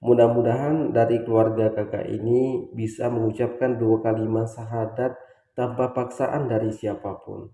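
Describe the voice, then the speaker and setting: A man's voice: mid-range voice, little pitch movement, normal speed, warm tone, reverberant. A man giving preachy religious commentary, emphatic and lecturing, listing his points one by one.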